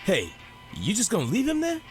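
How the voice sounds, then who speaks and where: Very high, paranoid cartoon shopkeeper. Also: male voice, wildly swooping pitch, brisk, soft background music. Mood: agitated suspicion. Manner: accusing, agitated. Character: jumpy, suspicious paranoid male cartoon shopkeeper. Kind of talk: video game character acting.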